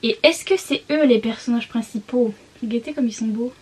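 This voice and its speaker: A young woman from France chatting casually while unboxing books, excitable and often breaking into giggles. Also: fairly high pitch, normal speed, husky. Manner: giggly, excitable, often laughing between phrases. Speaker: book vlogger.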